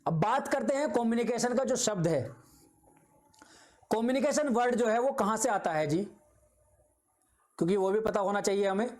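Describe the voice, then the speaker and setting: A man's voice: high voice, animated, normal speed, long pauses, darkish tone. A man teaching an exam-prep video lecture. He explains patiently with simple examples, repeats his points and keeps checking in with his students.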